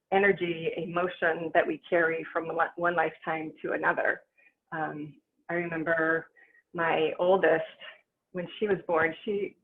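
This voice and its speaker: Calm chatty woman doing a spiritual talk, sounds like a tinny phone line, bit of hiss. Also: lowish voice. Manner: calm, chatty, laughs while telling stories. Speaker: spiritual teacher. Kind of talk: spiritual teaching livestream.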